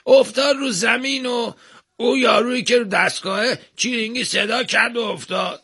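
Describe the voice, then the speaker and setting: A clumsy workman in a radio story, calm and unbothered. The voice is very high and sharp, with a husky, gravelly edge, and he keeps insisting on his innocence without any hurry. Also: full character voice. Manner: calm, unhurried, innocent protests.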